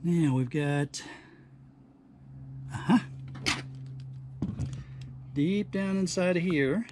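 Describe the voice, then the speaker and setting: A hobbyist who hosts scrapping videos gives casual hands-on commentary while he works, thinking aloud in a folksy, exclaiming style. His fairly high voice draws out words, and background noise is picked up by an action camera or phone near the workbench.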